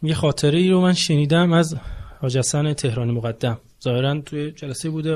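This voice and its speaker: A man hosting a podcast, talking in a measured, conversational way and reading the show's closing notes. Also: a little high, a little mellow. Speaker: podcast host.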